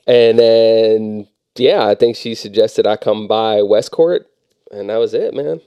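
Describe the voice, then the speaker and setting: A man's voice: lowish voice, slow, clear, resonant tone, dry recording, muffled recording. A man in his thirties co-hosting a podcast in casual chat, laid-back and dryly self-mocking. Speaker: podcast co-host.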